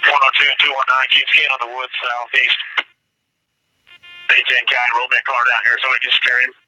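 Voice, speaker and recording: A man's hard, piercing voice cuts through a police scanner feed with radio static bursts. He talks in clipped, procedural phrases, like an officer working radio traffic, at a middling pitch. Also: completely flat delivery, a little fast, sharp tone, dry recording, rough recording. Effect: police radio transmission. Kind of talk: terse police radio dispatch.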